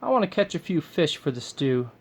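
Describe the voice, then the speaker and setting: A man's voice: a little high, big pitch swings, brisk. A man voicing a plump little rabbit, eager and polite, while reading a storybook to a young child. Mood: cheerful. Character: fat little male rabbit, eager, proud, friendly.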